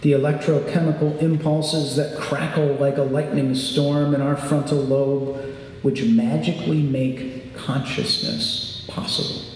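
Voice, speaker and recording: A man giving a reflective sermon in a large sanctuary, with measured, lyrical phrasing. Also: a little high, level tone, a little mellow. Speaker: preacher. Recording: very echoey large hall, faint noise.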